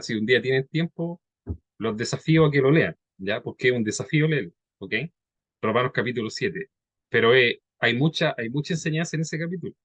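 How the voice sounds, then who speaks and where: A man delivers a sermon in a conversational teaching tone, his voice sitting at an ordinary middle pitch. He keeps checking in with his listeners and slows down when he reads scripture. The sound is dry and close, with no room echo. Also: a bit bright. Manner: conversational teaching, frequent "¿ya?" and "¿verdad?" tags; reads scripture slowly and deliberately. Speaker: preacher.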